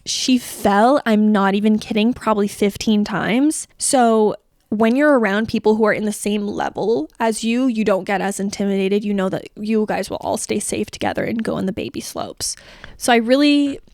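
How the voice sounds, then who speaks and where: A woman's voice: mid-range voice, normal speed, a little mellow, no echo, studio quality. A young woman hosting a podcast, talking in a chatty, rambling way full of "like" fillers. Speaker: podcast host. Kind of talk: casual chat.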